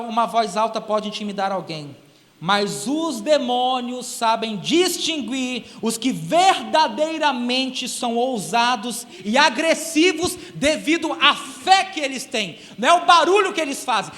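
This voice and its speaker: A Brazilian man preaching a sermon in a church, emphatic and animated, swinging between loud emphasis and quiet asides. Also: very high-pitched, in a large hall. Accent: Brazilian Portuguese. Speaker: guest preacher. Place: large church hall.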